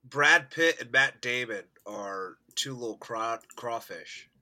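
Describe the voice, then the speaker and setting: A man's voice: medium pitch, slow. A man co-hosting a casual movie podcast over a remote call, his audio glitching and cutting out as he jokes and laughs. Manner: lively, joking, laughs often. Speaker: podcast co-host.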